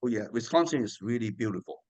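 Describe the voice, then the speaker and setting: Hosting an interview, a man asks rambling, friendly questions full of "you know" fillers. His medium-pitched voice is animated and quick with a darkish tone, and there is no echo.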